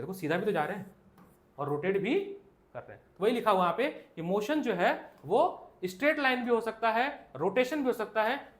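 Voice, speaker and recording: Lively high-pitched Indian male teacher. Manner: mixes Hindi and English, reads textbook lines slowly and explains with stories; addresses students by name, asks many rhetorical questions. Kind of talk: classroom science lecture.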